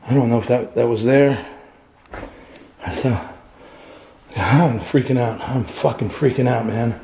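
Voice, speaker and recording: A man's voice: mid-range voice, measured pace, mellow. A man ghost-hunting alone in an old house, jittery and swearing as he talks to the house. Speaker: paranormal investigator vlogger. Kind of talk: handheld ghost-hunt vlog. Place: inside an empty old house. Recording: echoey room, faint noise.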